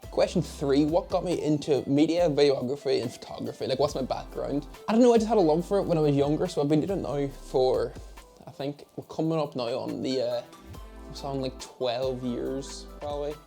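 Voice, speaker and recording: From a home office setup, a nineteen-year-old from Derry, Northern Ireland, who heads media for an esports outfit answers Q and A questions to camera about his job. His medium-pitched voice is brisk, gravelly and warm, with faint music behind and plenty of rambling, self-mocking asides.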